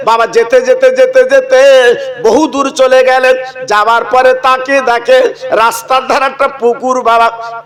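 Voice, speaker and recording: A man's voice: very high-pitched, fairly bright tone. A man preaching a sermon, telling a story with acted dialogue and asides to the crowd.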